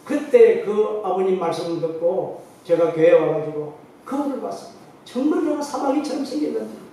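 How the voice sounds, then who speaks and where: A middle-aged man preaches a testimony sermon in a church, acting out the voices of the people in his story. His voice sits high and mellow. It is heard from a distance, with heavy hall echo and a faint hiss behind it. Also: expressive, normal speed. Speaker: pastor. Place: church sanctuary. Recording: very echoey hall, distant mic, faint noise.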